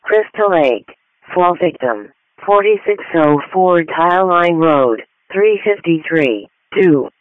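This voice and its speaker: A male emergency dispatch announcer delivers formulaic call-outs in measured fragments. The voice is high and very unhurried, on a dry, band-limited radio paging channel. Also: lively intonation, no room sound. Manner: measured, separated short phrases. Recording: dry, narrow radio transmission.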